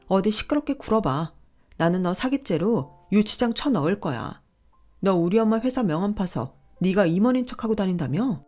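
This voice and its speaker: A woman voicing an angry wife who yells and hurls insults at her husband. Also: medium pitch, voice pushed up. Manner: yelling, scolding, sharp insults. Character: furious wife, adult woman, fed up.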